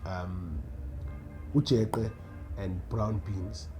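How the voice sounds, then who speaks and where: A young South African radio producer chats casually as a podcast guest, animated and quick to laugh. He has a low voice and often restarts his sentences. Faint music plays behind him.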